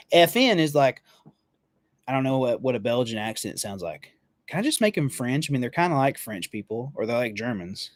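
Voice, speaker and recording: A man's voice: medium pitch, no room sound. A man hosting a live firearms show, talking through gun history in a loose, rambling way, correcting himself and swearing casually.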